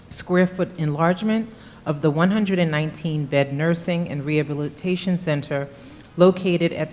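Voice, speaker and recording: A woman chairing a public hearing, reading a formal procedural script in a courtroom-style recording. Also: a little mellow. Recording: long reverb of a hearing room with faint rumble.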